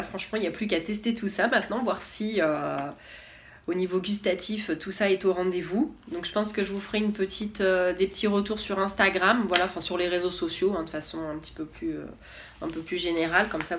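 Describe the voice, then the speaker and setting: A woman's voice: fairly low pitch, steady tone, fairly quick. A woman vlogger chatting casually and enthusiastically as she unboxes products, with lots of hesitation fillers.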